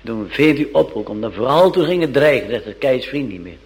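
Male preacher, sermon storytelling, slow and dramatic, gravelly, lively melody. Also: mid-range voice, low-quality recording. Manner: dramatic storytelling, repeats phrases.

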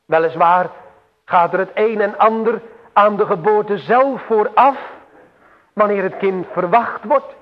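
Male preacher, unhurried and solemn, echoing church-hall reverb. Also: high-pitched. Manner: slow, solemn preaching with emphatic swells and long pauses. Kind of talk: sermon. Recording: tinny phone-like radio broadcast with long hall reverb.

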